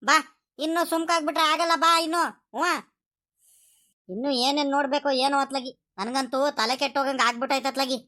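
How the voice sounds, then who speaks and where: A woman's voice: high voice, fairly even intonation, pushed and bright. A woman voicing a fretful, scolding village father in a comedy cartoon. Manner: scolding, rapid.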